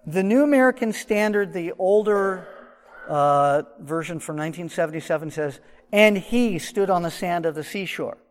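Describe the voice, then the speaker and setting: A man's voice: high-pitched, in a large hall. A man teaching through a Bible passage in a conversational, explaining way, his voice muffled because it is recorded from his shirt pocket.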